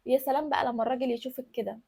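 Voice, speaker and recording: A woman with an Egyptian accent talks straight to her viewer, giving advice in an emphatic, coaxing way. Her voice sits high and a little breathy. The words come out quickly. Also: fairly even intonation, warm tone. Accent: Egyptian Arabic. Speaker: lifestyle and femininity advice host. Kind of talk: direct-to-camera advice talk.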